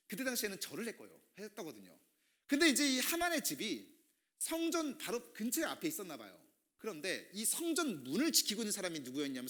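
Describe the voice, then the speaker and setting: A man preaching a youth sermon, talking casually and acting out little greetings and grumbles as he tells stories. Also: high voice. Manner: animated, acts out quoted greetings and grumbles. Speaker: youth pastor.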